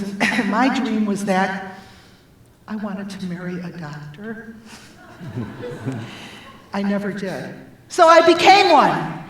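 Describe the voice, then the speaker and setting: An older woman in her seventies tells personal stories with humor and punchlines. Her voice carries in a very echoey church hall, picked up from a distance with faint background noise. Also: medium pitch. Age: 70s. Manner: humorous, lively storyteller with punchlines. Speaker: guest speaker, life coach. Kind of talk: personal storytelling talk. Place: church sanctuary.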